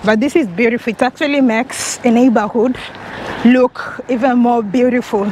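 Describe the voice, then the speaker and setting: Walking down a sunny residential street, a young Kenyan woman talks eagerly to the action camera she holds out at arm's length, speaking with a Kenyan accent for her travel vlog. Her slightly high voice keeps fairly even intonation at normal speed, though heavy background noise surrounds it.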